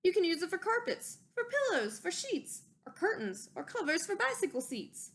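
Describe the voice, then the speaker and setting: An old, secretive inventor from a storybook as a woman reads him, eager to justify himself. The voice is high and emphatic, with an excited recounting manner. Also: moderate pace, exaggerated voice. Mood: defensive, boastful.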